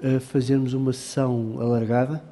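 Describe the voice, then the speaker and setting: Male meeting chair, European Portuguese accent, mellow low-brightness tone, halting formal delivery with frequent fillers. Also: little pitch movement. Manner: halting, many filler sounds and restarts, formal phrasing.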